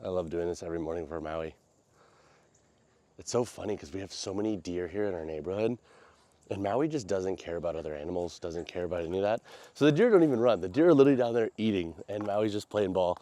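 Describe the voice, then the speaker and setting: Talking fast in a low, warm voice, this American man sounds congested and nasal, with slight background noise behind him. It's a casual vlog chat, and he rambles in loose, slangy terms.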